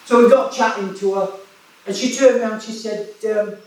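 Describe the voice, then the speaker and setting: Speaking at a moderate pace, this evangelist from West Yorkshire, England, has a high-pitched, steady, slightly mellow voice and a Yorkshire accent. His sermon is conversational and story-driven, full of restarts and repetitions. He is heard from a distance in a reverberant hall.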